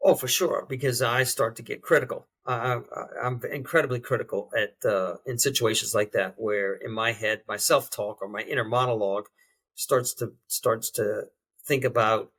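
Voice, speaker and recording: A man interviewing on a podcast who talks haltingly, with many restarts and fillers. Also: mid-range voice, fairly even intonation, a bit bright, breathy edge. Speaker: interviewer and behavior change specialist.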